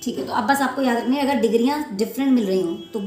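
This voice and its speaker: A fairly high-pitched woman teaching chemistry in a classroom. She explains each step with everyday analogies and keeps asking the class whether they have understood. The room gives her voice a noticeable echo. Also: fast, darkish tone, soft background music. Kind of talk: classroom lecture. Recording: echoey room.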